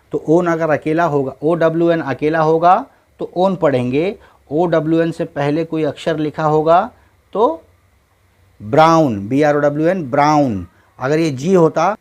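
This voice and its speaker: A man's voice: on the high side, a little mellow. A man teaching English phonics, spelling out letters and sounding out each word, then repeating it patiently several times.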